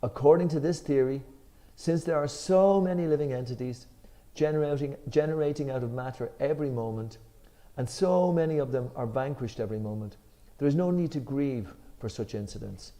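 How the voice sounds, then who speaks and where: Fairly quick and with few pauses, a man with an Irish accent reads a commentary emphatically during a scripture discussion he's leading, then explains it easily, with some fillers. His voice is mid-range.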